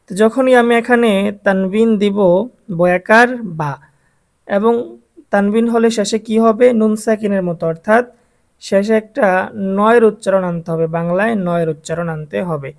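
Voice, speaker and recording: A man's voice: high voice, normal speed. A man with a Bangladeshi Bengali accent teaching Quran reading to adult beginners, drilling letter sounds patiently one by one. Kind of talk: slow, patient recitation lesson for adult beginners.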